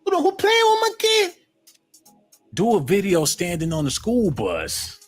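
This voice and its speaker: A man putting on the voice of an enraged young father defending his son, shouting and indignant. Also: on the high side, wildly swooping pitch, measured pace, slightly rough, faint music behind, heavily acted. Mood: furious.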